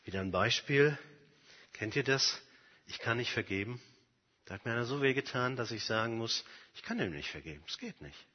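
A preacher gives an earnest, animated sermon at a fairly quick pace, his husky, breathy voice pressing points hard with personal examples before dropping very low and soft. The long reverb of a large hall surrounds him, and the audio is dull and lo-fi.

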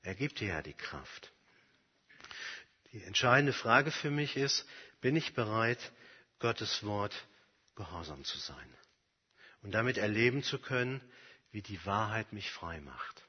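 A man delivers an earnest sermon in a husky, breathy voice, pressing his points hard and then sinking low and quiet. His voice rings with the long reverb of a large hall. The recording sounds dull and lo-fi. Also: expressive, measured pace, long pauses. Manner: earnest, emphatic, personal examples, swings from loud to very soft. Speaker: preacher.

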